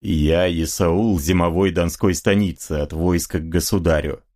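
A man's voice: deep voice, steady tone, unhurried, darkish tone. A man voicing a tall, broad-shouldered Cossack captain who speaks curtly and commandingly. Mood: stern.

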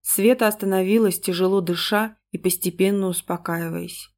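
Woman, audiobook narrator, ironic, lively storytelling, mid-pitched voice. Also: normal speed. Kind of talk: scripted narration.

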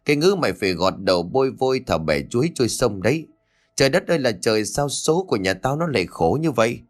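A man voicing a furious old village matriarch, hurling curses in a fast tirade. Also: expressive, lightly acted. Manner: shrill cursing tirade.

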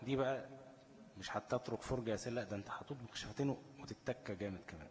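In a large hall, a man with an Egyptian accent teaches a tajweed lesson, questioning his students call-and-response style and drawing out the recited examples. His voice sits in the mid range.

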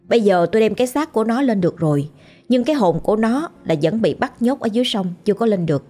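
A woman voicing an old male village exorcist, speaking gravely and plainly. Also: mid-range voice, animated, quick pace, mellow, natural voice.

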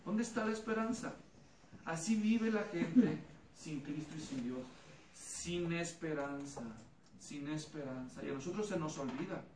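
A pastor with a slightly high voice teaches an expository Bible study at a measured pace, weaving in anecdotes. He poses questions to the congregation, repeats their answers back, and voices characters in his stories. The recording is noisy and echoey, with the mic at a distance.

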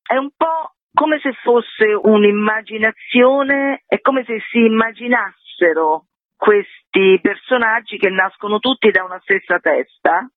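A woman with a mid-range voice calls in to a radio show as a theatre guest, explaining things in an informal, self-ironic way. The phone line sounds tinny and muffled, and the recording is dry.

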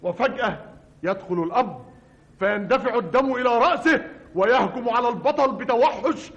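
A man's voice: extremely high pitch, animated, brisk, a bit bright, muffled recording. A man with an Egyptian accent narrating a radio comedy monologue as a frustrated writer, in a mock-formal, exasperated manner. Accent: Egyptian Arabic.

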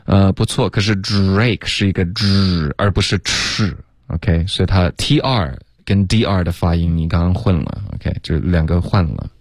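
A man coaching English pronunciation on a radio lesson, patiently correcting sounds and demonstrating them slowly. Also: low voice, no echo, clean studio sound. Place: radio studio.

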